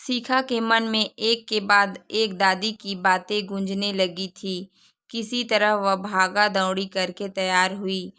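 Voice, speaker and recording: A woman narrates a short moral story in a calm, measured way. Her voice is bright and crisp, her pace slow. The tone stays fairly flat from line to line. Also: mid-range voice. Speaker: storyteller, channel host.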